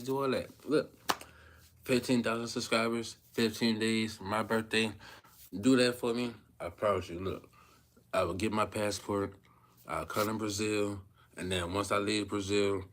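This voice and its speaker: Low-voiced man rambling on a livestream. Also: fairly bright tone. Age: 30s. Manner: rambling, repeats himself, keeps asking "you feel me". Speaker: vlogger. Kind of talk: casual livestream talk to viewers.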